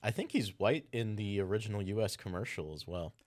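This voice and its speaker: Podcast guest, male, relaxed; lowish pitch with lively inflection. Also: fairly quick. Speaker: podcast guest, quiz contestant. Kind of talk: casual podcast chat.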